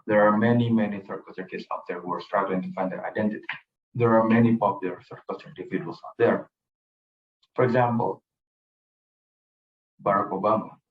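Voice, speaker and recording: A young man gives a student presentation about his own life in a slightly low voice. He talks earnestly and circles back to the same phrases. The sound is dull and roomy, as if the mic sat well away from him. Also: distant mic, a little hiss or hum. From Indonesia. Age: young adult. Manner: earnest, storytelling, repeats phrases. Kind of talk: personal presentation talk.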